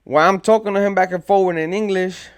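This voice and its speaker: A man with a clear, resonant, slightly high voice tells a story from his own past. He talks in casual street slang and rambles from one detail to the next. He acts out what his friends said as he goes. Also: steady tone, brisk.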